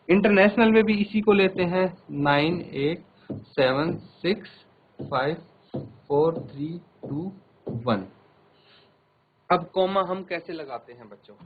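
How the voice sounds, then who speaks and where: A man's voice: sits high, narrow, tinny audio, a little hiss or hum. A man teaching a televised maths class in Hindi-accented speech, patiently addressing children and repeating each step.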